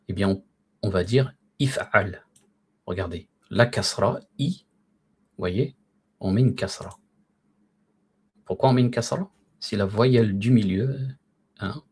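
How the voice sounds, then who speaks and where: A man gives a recorded Arabic lesson in a husky, somewhat low voice. He is patient, pronounces each form slowly and repeats it. He often stops to check that his listeners are keeping up. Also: a little mellow. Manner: patient, repeats words slowly and asks if students follow. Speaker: Arabic teacher.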